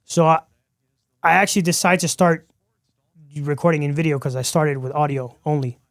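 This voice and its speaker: A podcast guest from Miami, Florida, tells his story in a casual interview, animatedly acting out the dialogue he quotes. His smooth, clear voice sits a touch higher than most men's, at a moderate pace. The sound is dry and close, with no room echo.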